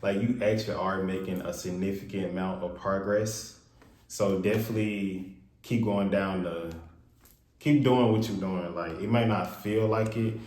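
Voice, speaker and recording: A man giving a casual spiritual tarot reading in a loose, rambling way with a naturally monotone voice, his words washed in heavy room reverb. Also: deep voice, moderate pace. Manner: loose, rambling, with many fillers. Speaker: tarot reader. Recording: echoey untreated room, faint noise.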